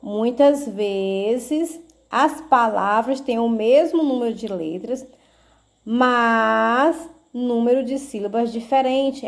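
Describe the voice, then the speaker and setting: A woman with a Brazilian Portuguese accent teaches a video lesson in a slightly high voice. She speaks very slowly and patiently, spells words out syllable by syllable and keeps checking in with short tag questions. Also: darkish tone.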